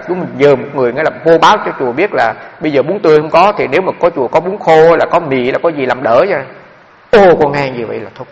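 A Buddhist monk gives a dharma talk full of stories, and he speaks to his listeners directly and with animation. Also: on the high side. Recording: dull, echoey hall.

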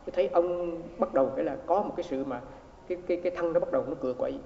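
A man's voice: a little high, racing, gravelly, slight background noise. Man preaching in an echoey hall. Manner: storytelling, repeats words, acts out quoted exchanges. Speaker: Buddhist monk teacher. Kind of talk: dharma talk sermon. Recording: echoey hall, dull lo-fi sound.

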